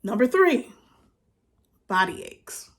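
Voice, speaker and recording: A woman's voice: a little high, very animated, slow, a bit bright. A woman in her fifties chatting casually to her viewers, laughing often as she talks. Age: 50s. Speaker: vlogger. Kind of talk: casual chat to camera.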